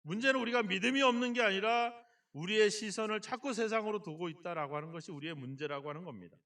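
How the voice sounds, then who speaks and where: High, bright-voiced male pastor preaching. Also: fast talker, distant mic. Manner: lively preaching that acts out quotes and often asks the congregation questions. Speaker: senior pastor. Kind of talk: sermon. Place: church sanctuary.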